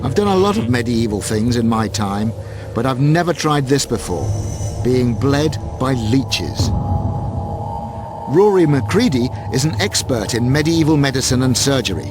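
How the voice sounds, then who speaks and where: A man delivering scripted, measured documentary narration. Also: mid-range voice, animated. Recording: narration over clear background music.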